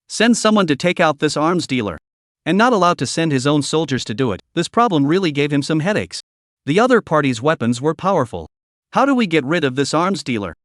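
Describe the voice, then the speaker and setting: A man narrating a dramatic recap story in a scripted, animated reading style. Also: on the high side, no room sound, clean studio sound.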